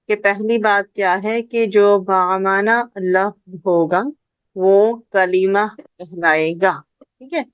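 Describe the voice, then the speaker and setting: A woman teaching an online class, patiently repeating each point slowly for her students. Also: medium pitch, smooth, no echo, muffled recording.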